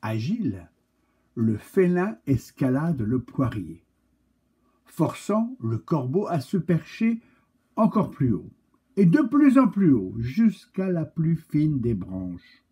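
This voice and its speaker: A man reading a picture-book tale aloud to children, animated and speaking directly to his young listeners. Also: a little high, slightly rough. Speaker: storyteller for children.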